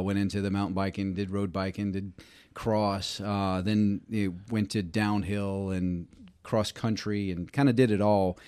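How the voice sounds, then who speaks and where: A man in his forties, co-owner of a bike school, talking in a laid-back way with drawn-out uhs on a podcast. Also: on the low side, a little mellow, smooth, dry recording. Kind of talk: casual podcast chat.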